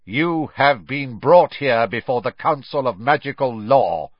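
A man voicing a stern, hate-filled older male judge in a story, loud, formal and clearly spoken. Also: mid-range voice, expressive, a little slow, no room sound, lo-fi sound. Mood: cold authority.

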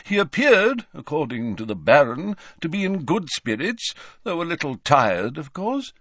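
A man's voice: a little high, sing-song, a little slow, a bit bright, no echo, studio quality, voice pushed up, exaggerated voice. Man doing a genteel gossipy ghost. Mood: chatty. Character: chatty, genteel male ghost of a nobleman.

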